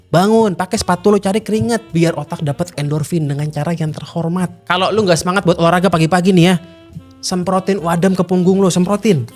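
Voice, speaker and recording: A man hosting a casual commentary, blunt and mocking in manner. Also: sits high. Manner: blunt, mocking, animated slang-heavy talk. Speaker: host. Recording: faint music underneath.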